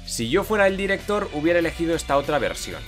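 Male film commentator, Castilian Spanish accent, sardonic and colloquial, scripted comedy recap with very animated delivery. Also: on the high side, quick pace, over loud music. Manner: sarcastic, sweary, colloquial. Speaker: film review narrator.

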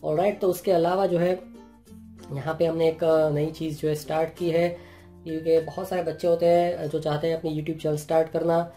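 Seated at a table indoors, a channel host walks through the products he's unboxing, his plain Hindi explanations peppered with repeated "jo hai." His voice sits on the higher side, mellow and flat, moving at a moderate clip, with clear music running beneath.

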